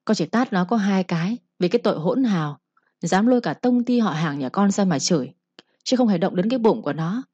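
A woman's voice: medium pitch, animated, brisk, dark tone, breathy edge, no room sound, dull audio. A woman voicing a proud young wife who defends herself indignantly. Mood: protesting.

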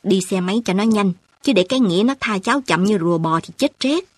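A woman voicing a gruff, practical middle-aged uncle in an audiobook, speaking briskly and bluntly with a breathy voice. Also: mid-range voice, expressive, no echo. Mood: brusque.

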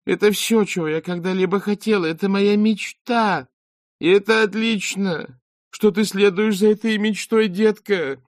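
A man reading an audiobook voices a syrupy, two-faced female talent-show judge with a high, sugary cooing tone. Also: normal speed, few pauses, a little mellow, dry recording, studio quality, close to an everyday voice. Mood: cloying.

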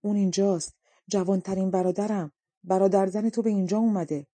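A woman's voice: lowish voice, dark tone, no echo, lightly acted. A woman voicing the dragon king's anxious young wife in an audiobook story. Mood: joyful.

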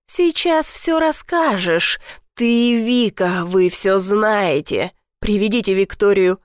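A woman doing a slow, menacing brutal father. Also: high-pitched, expressive, clear, resonant tone, no echo, studio quality. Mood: furious. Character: brutal, furious father, grown man.

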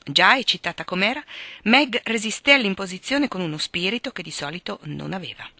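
A woman narrating a classic novel as an audiobook, measured and expressive. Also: medium pitch, no echo. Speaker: audiobook reader.

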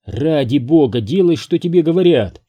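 A man's voice: on the high side, sing-song, moderate pace, mellow, husky, muffled recording. A man reading a young woman agent who pleads and soothes in a raised voice. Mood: pleading.

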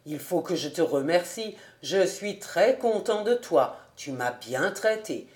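A kind, cheerful young man from an old storybook, friendly and unhurried, as a woman reader lowers her voice for him. He speaks slowly and warmly. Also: expressive, echoey room. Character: young male city gentleman, kind, cheerful.

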